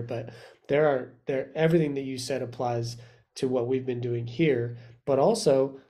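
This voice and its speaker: A man's voice: medium pitch, dark tone. A man co-hosting a podcast, speaking in a reflective, thoughtful way in casual chat. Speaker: podcast co-host.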